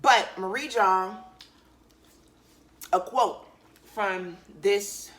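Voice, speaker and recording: A woman's voice: medium pitch, slow pace. Casual woman chatting while eating. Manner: candid and relaxed, loose slang, frequent fillers. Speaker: vlogger. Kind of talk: casual chat to camera.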